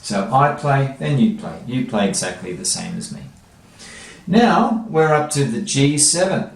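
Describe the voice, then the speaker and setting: Slow, patient male guitar teacher. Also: medium pitch, sing-song, creaky. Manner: patient, step-by-step explaining. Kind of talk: children's guitar lesson. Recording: echoey room, faint guitar music.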